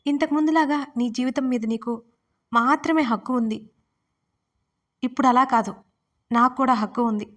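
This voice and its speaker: Storybook wife, young woman, crying and shouting in hurt anger, played by the narrator. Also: sits high, fairly even intonation, moderate pace, pauses often, close to an everyday voice. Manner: shouting, tearful.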